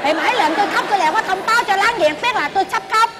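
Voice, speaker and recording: A comic stage performer playing a stubborn old wife who bickers with her husband in quick, teasing retorts. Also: very high-pitched, over a noisy crowd, heavy background noise. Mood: bickering. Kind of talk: stage comedy sketch.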